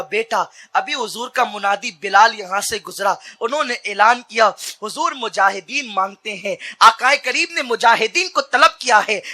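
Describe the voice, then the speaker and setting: Impassioned high-voiced male preacher. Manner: impassioned, swings between shouted climaxes and hushed storytelling. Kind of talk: impassioned sermon.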